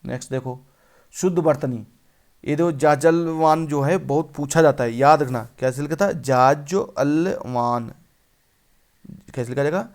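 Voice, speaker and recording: A man's voice: fairly high pitch, normal speed, a little mellow. A male teacher running an exam-prep spelling lesson, repeating each word and quizzing the viewer.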